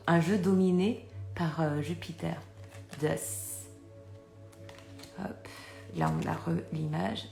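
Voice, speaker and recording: Woman, middle-aged, chatty, slow-talking, addresses viewers often, soft music underneath. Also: on the low side. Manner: chatty, keeps addressing viewers, many fillers. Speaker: oracle card reader. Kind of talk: casual video chat about oracle cards.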